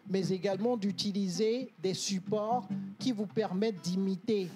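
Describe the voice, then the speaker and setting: High-voiced man, music behind. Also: moderate pace. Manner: confident, explanatory, with frequent hesitations. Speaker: English coach, guest. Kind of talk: talk show interview. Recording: TV studio with music playing behind.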